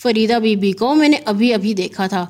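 A chatty postman from a storybook, voiced by a woman storyteller, good-humoured and teasing. His voice stays high and lively. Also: close to an everyday voice.

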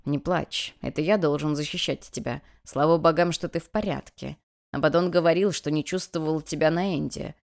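A woman voicing a big, devoted male talking cat in an audiobook, speaking in a soft, hushed purring tone. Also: deep voice, normal speed, vocal fry. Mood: tender.

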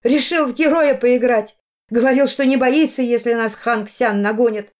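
A woman's voice: a little high, moderate pace, darkish tone, natural voice. A woman voicing an emotional middle-aged mother who pleads and flares up in anger. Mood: indignant. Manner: pleading, agitated outbursts.

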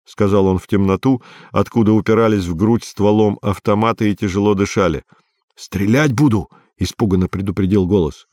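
A man reading literary prose aloud as an audiobook narrator, in a measured, grave manner. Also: fairly low pitch, steady tone, a little mellow, no echo, clean studio sound.

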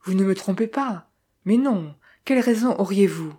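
Anguished young woman in an audiobook, read by a woman, husky, mellow. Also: mid-range voice, expressive, normal speed. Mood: distraught.

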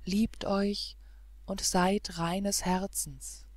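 A woman reads a kind, motherly guardian fairy from a fairy-tale audiobook. She speaks solemnly and gently. The delivery is slow, and the sound is dry and close. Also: mid-range voice, flat delivery, no room sound.

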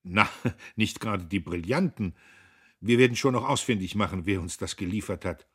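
A man's voice: fairly low pitch, normal speed, a bit bright, slightly rough. A man playing a pompous, blustering young man. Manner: self-righteous, blustering. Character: pompous, cowardly young businessman. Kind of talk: audiobook character voice.

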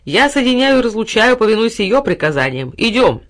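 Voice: medium pitch, big pitch swings, brisk, a bit bright, voice pushed up. A storyteller voicing Time, a stern and impatient old man who speaks brusquely and gives commands.

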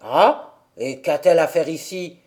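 Gruff old alpine grandfather, curt and low-voiced, voiced by a woman narrator. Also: unhurried, darkish tone. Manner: rough, curt.

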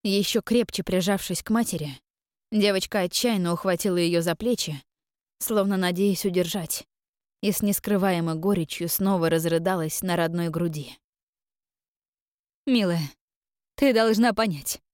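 A woman reading a story aloud in measured, quiet narration. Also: on the low side, fairly even intonation, dry recording, studio quality. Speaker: audiobook narrator. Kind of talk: scripted narration.

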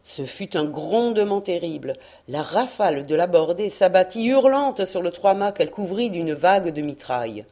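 A woman narrating a historical adventure novel in a measured, expressive reading voice. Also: lowish voice. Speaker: audiobook reader. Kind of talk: scripted narration.

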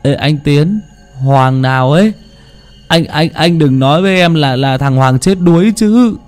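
A man's voice: a little high, measured pace, faint music behind, pitched above the performer's own voice, natural voice. A man voicing a worried little boy in a told ghost story, stammering.

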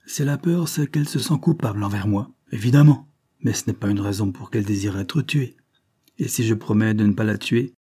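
A man's voice: lowish voice, brisk, mellow, slightly rough. A man reading aloud and voicing a big, violent convict who speaks bluntly and demands his way. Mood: pleading, calmer. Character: big, violent, hot-tempered male convict.

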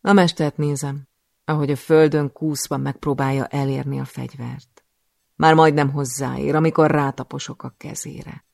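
A man's voice: fairly high pitch, little pitch movement, vocal fry, no echo, clean studio sound. A man reading a first-person thriller audiobook in a tense, dramatic way. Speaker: audiobook narrator.

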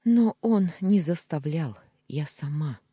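An audiobook reader voicing a troubled young woman who speaks quietly and sadly. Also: mid-range voice, expressive, slow pace, husky, dry recording, clean studio sound, pitched above the performer's own voice. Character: troubled young woman, first-person heroine. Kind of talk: audiobook character reading.

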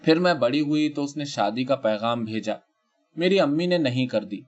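A man's voice: mid-range voice, expressive, highs cut off, natural voice. A man reading as a frightened, trembling woman. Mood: fearful. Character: frightened trembling woman, tearful, middle-aged.

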